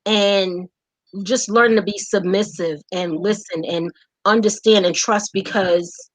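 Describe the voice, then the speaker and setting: A woman's voice: medium pitch, fairly even intonation, a little slow, low-quality recording. Candid woman sharing her story. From United States. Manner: candid, acts out quotes. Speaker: guest, wife. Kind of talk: personal storytelling.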